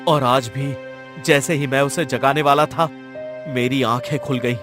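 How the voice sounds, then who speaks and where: In a Hindi cartoon story, a man voices a commanding royal king who is lovestruck by a woman from his dream. His formal, stately lines sound earnest and regal, delivered unhurriedly in a mid-range voice with fairly even intonation and close to everyday speech. Music plays in the background.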